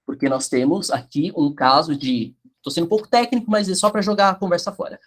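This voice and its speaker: A man's voice: on the high side, brisk. A man teaching Italian pronunciation in an online class, explaining with a sing-song lilt and checking the chat.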